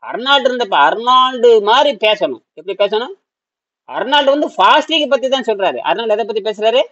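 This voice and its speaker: A high-pitched man holds forth to a small group on natural healing, blunt and repetitive, firing questions at his listeners. The recording is dull and lo-fi. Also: expressive, fairly quick, a bit bright, slight background noise. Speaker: naturopathy teacher. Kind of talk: informal group lesson.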